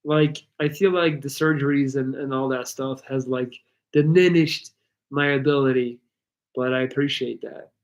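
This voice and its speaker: Here a livestream host whose native tongue is Dutch fields viewer questions in easygoing English, wandering off a little and reading chat aloud. A few sounds are articulated slightly differently, and he speaks at normal speed in a mid-range voice.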